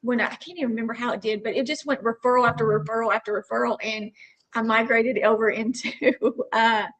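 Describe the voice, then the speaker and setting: A woman from Texas talks casually as an interview guest. She has a Texas accent with a noticeable drawl. Her voice is a little higher than average. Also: steady tone, quick pace, a bit bright, rough recording. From Texas Panhandle, United States. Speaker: podcast guest, roofing company owner. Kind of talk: casual conversational storytelling.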